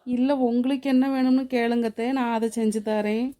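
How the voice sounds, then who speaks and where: A woman voicing a sharp-tongued young daughter-in-law in a cartoon who mutters sarcastic asides. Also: fairly high pitch, steady tone, moderate pace, close to an everyday voice.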